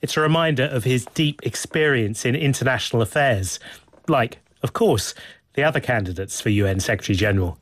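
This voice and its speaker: A man hosting a radio interview, introducing his guest and asking calm, measured questions. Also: medium pitch. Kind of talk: broadcast interview and narration. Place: radio studio. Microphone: studio microphone.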